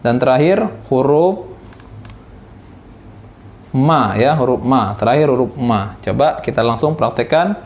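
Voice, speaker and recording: A male teacher from Indonesia giving a recitation lesson, speaking slowly and patiently and drilling each letter sound again and again. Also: mid-range voice, darkish tone. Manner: slow, patient, repeats each syllable for practice.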